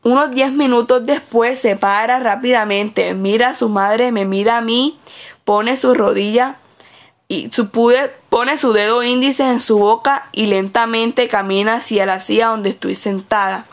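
A woman's voice: on the high side, steady tone, a little slow. A woman reading aloud her written observation report as a student observer, with small slips and self-corrections.

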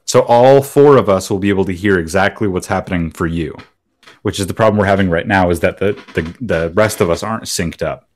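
A man's voice: deep voice, a little fast, darkish tone. A man co-hosting a podcast in casual chat, explaining tech setups patiently with jokes. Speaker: podcast co-host.

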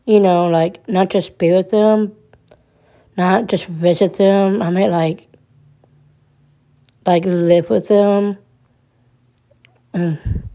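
A woman in her twenties talking through her troubles in a personal monologue, halting and subdued, restarting and repeating her words often. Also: lowish voice, fairly even intonation, dark tone. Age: 20s.

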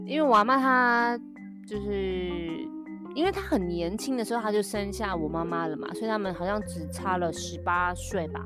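Animated Taiwanese woman telling stories. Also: medium pitch. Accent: Taiwanese Mandarin. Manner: animated storyteller who acts out quoted voices. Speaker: podcast co-host. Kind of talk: casual chat.

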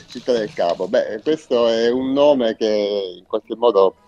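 A musician from Salento in southern Italy is a guest in a casual radio interview, speaking in a medium-pitched, animated voice with a dark tone. He's hesitant, pausing often and repeating himself as he searches for words. The audio is dull and lo-fi.

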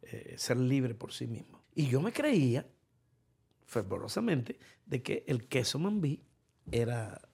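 Male host, husky, gravelly, long-winded in conversation. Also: medium pitch, very animated, takes it slowly, a little mellow. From Cuba. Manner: rambling, digressive explanations. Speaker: podcast host. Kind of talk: casual interview chat.

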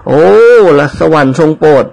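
A man's voice: normal speed, a little mellow, lightly acted. A man reading the part of a fawning, money-dreaming male servant, slipping a servile polite tic into every sentence. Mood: eager. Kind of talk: audiobook character reading.

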